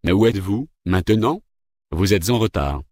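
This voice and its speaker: An impatient, grumbling government minister, voiced by a man in a storybook reading. His voice sits low and the recording is dry and close. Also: expressive, normal speed, darkish tone, no room sound. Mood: irritated. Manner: grumbling, irritable. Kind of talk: read-aloud story dialogue.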